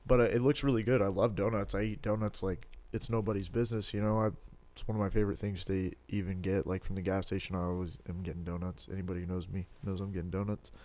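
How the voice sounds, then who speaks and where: Guy guesting on a fight podcast, kinda low voice, rambly and animated. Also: fast, few pauses. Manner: chatty, animated, full of fillers. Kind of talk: casual chat.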